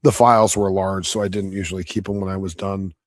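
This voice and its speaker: Here the same kind of live-streaming debate reviewer, fairly low-voiced and a bit hoarse, talks quickly in a flat, blunt, combative manner, cussing as he goes. It sounds off the cuff, like live streamer commentary, recorded close and dry without any room sound.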